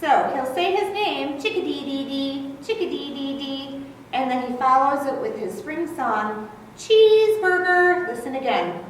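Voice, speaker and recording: A woman naturalist giving a children's nature lesson, gently coaxing her young listeners and calling them friends. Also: high voice, animated, normal speed. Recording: very echoey room, mic far off, faint background hum.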